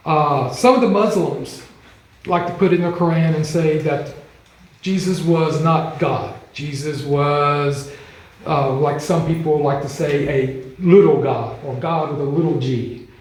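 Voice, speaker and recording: A man leads a Bible class, talking slowly in a loose, chatty way that is full of ums and small acted-out quotes. His voice sits a little high for a man, and the room around him rings with echo. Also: a little mellow. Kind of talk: casual Bible class teaching. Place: church classroom. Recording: echoey room.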